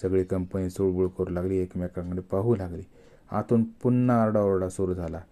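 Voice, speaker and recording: A man narrating a story in a steady, expressive storytelling manner. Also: deep voice, normal speed.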